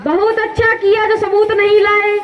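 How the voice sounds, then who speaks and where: A woman's voice: very high-pitched, little pitch movement, moderate pace. A female student acting a stern, impatient judge in a school comedy skit, scolding and commanding everyone on stage. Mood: bossy. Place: school stage before an audience. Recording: dull stage recording, faint audience.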